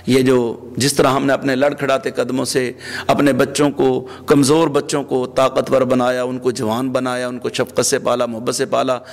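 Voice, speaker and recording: A man's voice: mid-range voice, vocal fry. A man preaching a sermon as a religious scholar, pleading in repeated, emotional phrases. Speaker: Islamic preacher. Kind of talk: Urdu sermon. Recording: long hall reverb.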